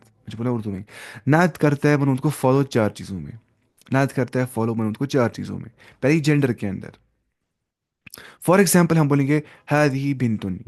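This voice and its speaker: A man's voice: mid-range voice, a little mellow. A young man teaching an Arabic grammar class to students, explaining each step, asking questions and mixing in English terms.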